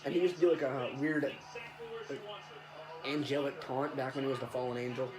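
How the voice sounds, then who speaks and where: A man co-hosting a casual wrestling reaction chat, excitable and rambling. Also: fairly quick, music in the background, rough recording. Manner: excitable, rambling, jumps pitch when surprised.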